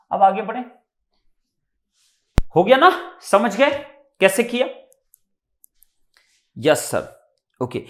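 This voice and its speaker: An Indian-accented man teaching a live online class, with a voice that climbs and dips as he explains. He repeats his key points and keeps checking whether his students are following. The sound is roomy, with a noticeable echo. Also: on the high side. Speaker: online exam-prep teacher.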